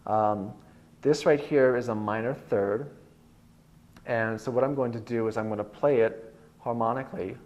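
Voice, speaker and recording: With the high frequencies cut off, this online guitar lesson features a bass-baritone man talking at normal speed in a laid-back, digressive style packed with fillers.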